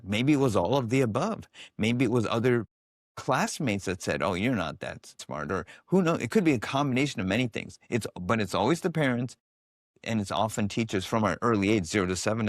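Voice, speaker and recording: A biofeedback specialist appears as a guest expert in a casual interview, telling stories with animation and acting out the voices of people he quotes. His voice is fairly low, and the recording is dry and studio quality.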